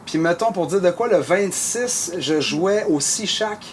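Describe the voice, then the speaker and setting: A man with a Québécois French accent tells a story in relaxed conversation. His voice sits high, and he rambles with plenty of fillers and restarts. A faint ambient hum runs underneath. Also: unhurried. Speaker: musician telling a story. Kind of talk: casual storytelling chat.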